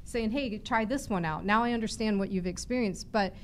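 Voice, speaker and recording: A woman's voice: medium pitch, brisk, slight background noise. Earnest woman hosting a podcast chat. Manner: earnest, thinks aloud with many restarts and fillers. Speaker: podcast host. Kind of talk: conversational interview.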